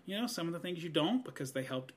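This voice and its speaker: A man's voice: fairly high pitch, expressive, fast talker. A man in his thirties musing on growing older in a casual podcast chat, earnest and rambling, with many "you know"s. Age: 30s. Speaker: guest. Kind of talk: reflective podcast conversation.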